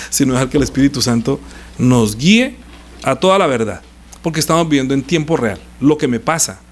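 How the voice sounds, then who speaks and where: A man preaching a sermon, often asking the congregation questions. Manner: conversational preaching with sudden pitch leaps, questions to listeners. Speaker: pastor.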